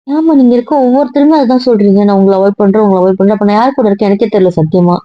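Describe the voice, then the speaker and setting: A woman's voice: mid-range voice, steady tone, brisk, dry recording, natural voice. A woman playing a hurt, defensive young wife. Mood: upset. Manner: upset, protesting, explaining at length. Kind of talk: amateur audio drama. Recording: dry, dull lo-fi audio.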